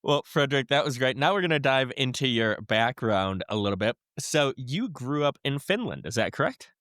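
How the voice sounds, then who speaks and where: A man's voice: mid-range voice, expressive, moderate pace, a bit bright, dry recording, clean studio sound. A man co-hosting a podcast, asking questions with brief upbeat reactions. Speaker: podcast co-host. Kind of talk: casual interview hosting.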